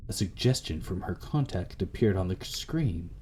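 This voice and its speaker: Narrating a visual novel dramatically for a let's play, this man has a deep, animated, slightly mellow voice at a moderate pace and goes back over lines he trips on. Game music runs beneath him, along with a little hiss or hum.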